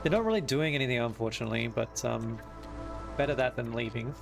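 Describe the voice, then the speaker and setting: A man with an Australian accent speaks quickly in a mid-range voice with noticeable vocal fry. Streaming a strategy game, he talks to himself casually, second-guessing and correcting his choices as he goes, with music playing in the background.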